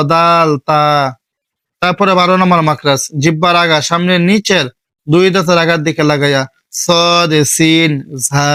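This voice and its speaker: A man from Bangladesh teaching an online Quran recitation lesson, patiently repeating each step slowly. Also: high-pitched, a bit bright, smooth, no echo.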